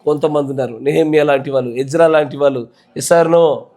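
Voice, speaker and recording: High-voiced Telangana pastor preaching. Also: male voice, steady tone, quick pace, warm tone. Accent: Telangana Telugu. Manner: quizzes the congregation, keeps asking yes or no. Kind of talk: sermon. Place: church.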